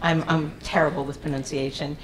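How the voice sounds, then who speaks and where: Low-pitched woman moderating a debate. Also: little pitch movement, fairly quick, rough recording. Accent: New York.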